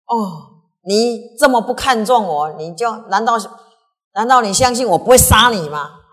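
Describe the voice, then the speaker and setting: A woman's voice: fairly high pitch, animated, moderate pace, a bit bright, pitched above the performer's own voice. A woman with a Taiwanese Mandarin accent voicing a petty, angry ancient male ruler who scolds in a raised voice. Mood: furious.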